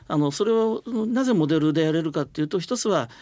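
A man's voice: a little high, lively intonation, fast, a little mellow, no echo, studio quality. An older man, a business leader guest on a radio interview, explaining his views earnestly at length with many fillers. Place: radio studio.

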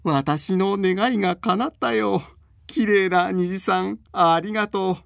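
A man doing a frail, high-voiced old man. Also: expressive, gravelly, dry recording, clean studio sound, heavily acted. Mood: delighted. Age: older. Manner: slow, high, quavering old-man speech.

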